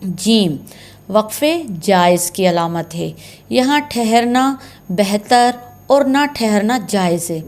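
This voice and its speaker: A woman's voice: fairly high pitch, a little mellow. A woman teaching Quran recitation signs in a patient, step-by-step way, repeating key terms. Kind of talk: slow explanatory lesson.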